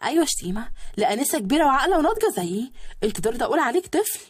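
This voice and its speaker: Woman doing a high whiny egyptian girl-bride, pouty and quick, swoops up and down. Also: sing-song, breathy edge, no echo, exaggerated voice. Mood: pouty defiant. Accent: Egyptian Arabic. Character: childish young bride, stubborn and whiny.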